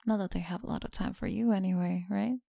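Close to the mic, a young woman whispers in slow, breathy mockery as a possessive, teasing school bully for an ASMR roleplay. Her mid-range voice has a warm tone and fairly even intonation, and the recording is dry.

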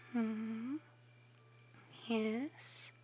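A woman voicing a tender, protective mother fox, softly whispering as she tucks her kits into bed. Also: fairly high pitch, steady tone, very slow, slightly rough, soft background music, heavily acted. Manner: soft whispering, soothing and affectionate. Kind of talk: ASMR roleplay, bedtime storytelling.

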